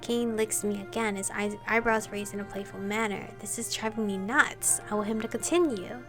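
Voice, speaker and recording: A woman's voice: medium pitch, steady tone, moderate pace. A young woman streamer reading a romance game's text aloud, playful and prone to flustered asides. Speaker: game streamer reading a visual novel. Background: faint background music.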